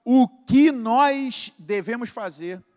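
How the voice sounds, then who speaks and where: A man preaching a sermon as pastor, an animated storyteller speaking in a church hall. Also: very high-pitched, takes it slowly. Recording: reverberant hall.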